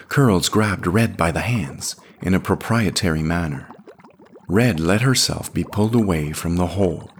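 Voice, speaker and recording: A man narrating a scripted fantasy story in a measured, expressive reading. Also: low-pitched, slight background noise.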